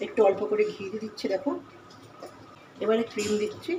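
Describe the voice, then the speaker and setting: A woman's voice: medium pitch, fairly even intonation, quick pace. A woman hosting a home cooking video, chatting through each step as she cooks in her kitchen. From Bengal. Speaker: home cooking channel host. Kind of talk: casual cooking demonstration. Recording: echoey kitchen with loud cooking noise.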